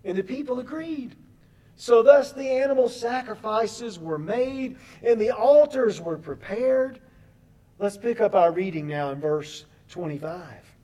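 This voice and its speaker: A man's voice: high-pitched, expressive, a little slow, dark tone. A man preaching a sermon, reading scripture aloud and breaking off for chatty asides to his congregation. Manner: addresses the congregation as folks.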